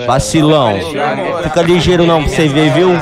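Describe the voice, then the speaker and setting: A man with a high, rapid-fire voice hurls taunts in Rio during a gaming roleplay. He keeps repeating his insults in a heated trash-talk manner. Other players murmur in a crowded game voice chat behind him. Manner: aggressive, taunting, repetitive insults. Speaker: roleplay gang member. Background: crowd of other players talking.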